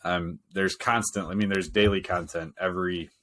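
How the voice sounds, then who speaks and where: A man's voice: deep voice, steady tone, moderate pace, fairly bright tone, a little hiss or hum. A man co-hosting a sports podcast in casual chat, joking and laughing often as he tells stories. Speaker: podcast co-host.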